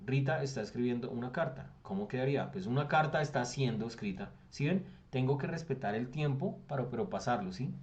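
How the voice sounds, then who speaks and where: A Colombian Spanish-accented man teaching a virtual class, with a mid-range voice. He explains patiently, checks in often with his students and slows down to read English examples aloud. The sound is slightly dull, like a computer mic on a video call. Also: medium pitch, expressive. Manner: reads English text aloud slowly.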